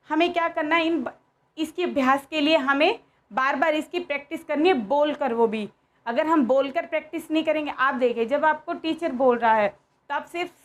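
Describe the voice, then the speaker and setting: A woman teaching young children a lesson, patiently explaining and asking them questions. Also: high voice.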